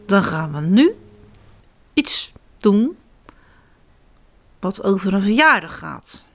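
Lively woman reading to children. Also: mid-range voice, takes it slowly, faint music behind. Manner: animated, addressing children directly. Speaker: children's storyteller. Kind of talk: reading picture books aloud to children.

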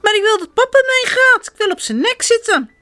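A woman voicing an eager, stubborn little boy in a children's storybook, in a high, insistent voice. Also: very animated, brisk, pushed and bright, no room sound, exaggerated voice.

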